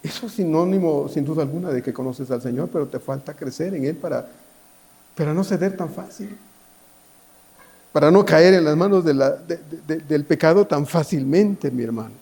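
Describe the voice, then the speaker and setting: Pastor preaching, warm and soft-toned. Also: male voice, fairly high pitch, moderate pace, creaky, slightly rough. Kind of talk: sermon.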